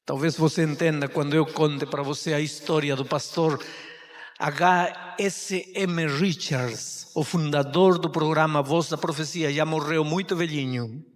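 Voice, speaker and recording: A man pastor telling a story in a dramatic sermon, swinging between loud cries and hushed words. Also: a little high, steady tone, a little slow. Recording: long hall reverb.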